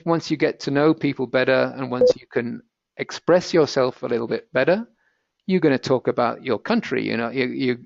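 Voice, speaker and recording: A British man with a mid-range voice and some vocal fry gives an encouraging, patiently explained language lesson during a webinar. The recording is dry and lo-fi.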